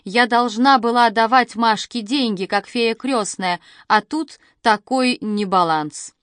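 A woman's voice: a little high, slow pace, fairly bright tone, dry recording. A woman voicing a grown daughter in a storybook reading, plaintive and full of shame. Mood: ashamed. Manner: plaintive, self-reproaching. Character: adult daughter, ashamed and tearful.

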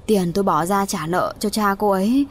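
A woman's voice: medium pitch, moderate pace, close to an everyday voice. A woman voicing a remorseful elderly rich landowner who pleads with his daughter for forgiveness. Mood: pleading. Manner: pleading, guilt-stricken.

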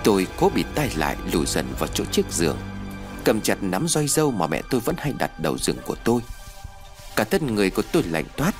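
A man narrating a first-person ghost story as an audiobook reader, in an expressive, dramatic way. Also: lowish voice, fast talker, over music.

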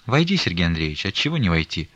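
A man reading the part of a stern, grieving old merchant, talking in a slow, weighty, reproachful way. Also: deep voice, very animated, a bit bright, no echo, highs cut off, full character voice.

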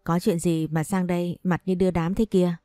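A woman reading the lines of a sharp-tongued older mother who scolds her daughter bluntly, in an audio story. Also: lowish voice, little pitch movement, moderate pace, no echo, studio quality, natural voice. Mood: scolding.

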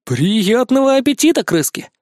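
A man's voice: very high-pitched, very animated, moderate pace, darkish tone, no echo, studio quality, voice pushed up. A man voicing an eager young boy leader who gives firm, upbeat orders in a children's fantasy audiobook. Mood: commanding.

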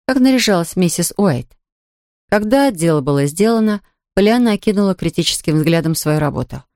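A woman narrating an audiobook in an even, expressive storytelling manner. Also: low voice, no echo, studio quality. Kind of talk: scripted narration.

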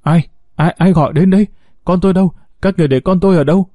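A man's voice: fairly high pitch, lively intonation, quick pace, mellow, no echo, studio quality. A man putting on a frantic young mother. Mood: panicked. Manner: stammering, pleading, accusing.

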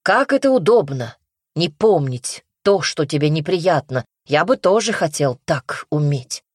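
A woman voicing a sullen, mocking young brother who speaks curtly and slowly, in a low, husky voice. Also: expressive, no room sound, studio quality, heavily acted. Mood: sarcastic. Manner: curt, sarcastic, slow.

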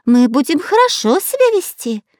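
Woman playing a whiny nasal spy, cowardly, high and loud. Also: slow, gravelly, no room sound, clean studio sound. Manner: whining, cowardly.

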